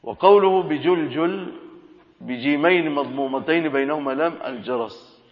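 A man's voice: on the high side, moderate pace. A man teaching a religious lesson, reading a classical text aloud and explaining it in colloquial asides. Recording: dull lo-fi audio with long hall reverb.

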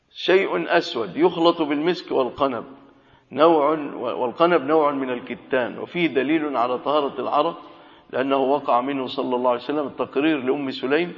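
A man teaching a religious lesson, reading a classical text aloud and explaining it in colloquial asides. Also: mid-range voice. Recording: dull lo-fi audio with long hall reverb.

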